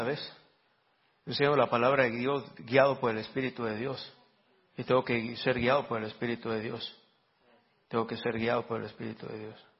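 A man preaching a sermon as pastor, lively, with frequent amens and rhetorical questions. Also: mid-range voice, lo-fi sound.

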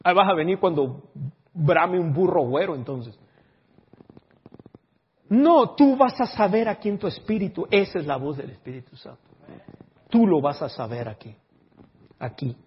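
A preacher delivers a sermon, voicing little back-and-forth dialogues and dropping in English words. His voice is husky and sits a bit high for a man. The recording sounds dull and lo-fi. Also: normal speed, long pauses. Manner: lively, acts out quoted dialogue.

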